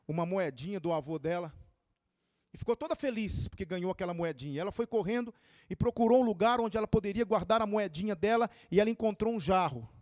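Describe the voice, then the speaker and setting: A man's voice: high voice, darkish tone, no room sound, clean studio sound. A male pastor, preaching an impassioned sermon that swells and drops. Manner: impassioned, rising and falling dynamics.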